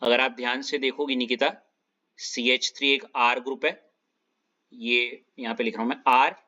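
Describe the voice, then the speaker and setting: एक आदमी, जो रसायन विज्ञान का शिक्षक है, ऑनलाइन क्लास में कदम दर कदम समझाता है और बार-बार छात्रों से पूछता है कि समझ आया या नहीं।. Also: male voice, mid-range voice, little pitch movement, moderate pace, pushed and bright, dull audio. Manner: explains step by step, checks students often. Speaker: chemistry teacher. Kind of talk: online class lecture.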